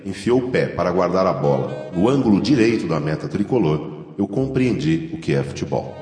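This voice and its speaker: A man's voice: low voice, darkish tone. A man reading a scripted, literary first-person narration. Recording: echoey hall reverb, faint music.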